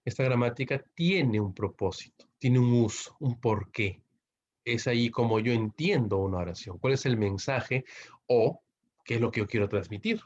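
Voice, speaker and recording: Man in a recorded online lesson, Peruvian Spanish accent, mid-pitched, steady explainer, muffled lo-fi audio. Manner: explains slowly with tag questions. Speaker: English teacher. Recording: dull lo-fi recording.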